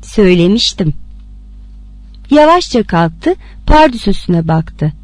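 A woman reading a story aloud with expressive narration. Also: mid-range voice, slow, no room sound. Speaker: reader.

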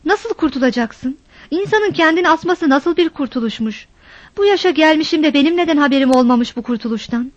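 Brief: woman reader as a stern older village woman, sharp and scolding, high voice, muffled close recording. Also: expressive, brisk, no echo. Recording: dull dry recording.

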